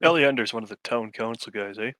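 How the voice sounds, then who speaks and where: A man's voice: medium pitch, fast talker, pushed and bright, no room sound. A man chatting casually as a player in a tabletop role-playing game.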